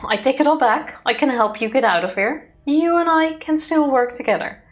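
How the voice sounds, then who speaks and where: A woman's voice: high-pitched, moderate pace, a little hiss or hum. A woman co-hosting a let's play, chatting casually and reading game choices aloud.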